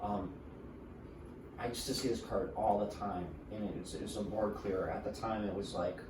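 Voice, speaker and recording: A man's voice: lowish voice, steady tone, normal speed. A man co-hosting a podcast in casual chat, explaining game cards at length and laughing often. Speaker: podcast co-host. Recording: roomy, distant mic with background noise.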